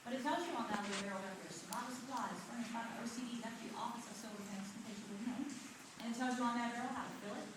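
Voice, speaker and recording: A woman's voice: fairly high pitch, rapid-fire. Echoing cave voice of a woman guide. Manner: folksy, asks the group questions. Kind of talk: guided tour talk to a group. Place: inside a cave. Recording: echoing cave, distant mic, clear noise.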